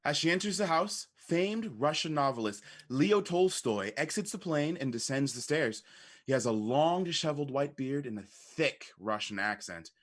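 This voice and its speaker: A man reading the stage directions of a play aloud in an even, descriptive way. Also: fairly high pitch, moderate pace. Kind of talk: scripted narration.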